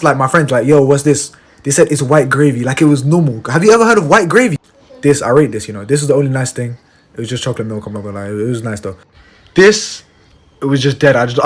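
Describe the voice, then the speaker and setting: A man vlogging casually, joking and incredulous about what he was served. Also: medium pitch. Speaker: video creator. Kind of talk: casual vlog reaction.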